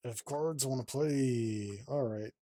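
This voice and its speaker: Slow and mellow in a mid-range voice, a channel host gives casual commentary on a solo card game playthrough. He murmurs card counts to himself and swears freely along the way.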